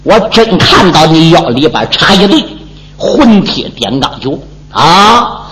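A man's voice: a little high, big pitch swings, takes it slowly, background noise. Man putting on a sly old landlord. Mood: wheedling. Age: older. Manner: placating, wheedling, protesting. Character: sly old male landlord, evasive, smooth-talking. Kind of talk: traditional storytelling performance. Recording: music playing behind.

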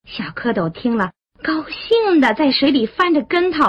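A woman narrating a children's bedtime story in an animated, sing-song manner. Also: high-pitched, normal speed, lo-fi sound.

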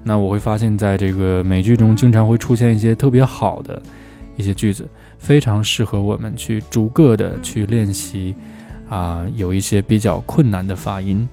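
低沉柔和的男老师. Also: male voice, lowish voice, fairly even intonation, mellow, soft background music. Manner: slows down to drill English phrases. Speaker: English pronunciation teacher. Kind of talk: spoken language lesson.

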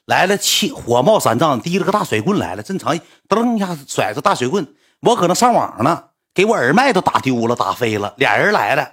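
Fast, husky Northeastern Chinese young man. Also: on the high side. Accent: Northeastern Mandarin. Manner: rambling, repeats and restarts, lively. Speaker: storyteller. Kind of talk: casual spoken storytelling.

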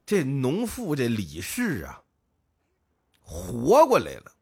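A man, co-hosting a podcast and telling a folk tale in lively, casual speech, putting on the voices of the villagers. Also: mid-range voice, slow pace, gravelly, breathy edge. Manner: lively storyteller, acts out village voices, northern colloquial. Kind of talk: casual storytelling chat.

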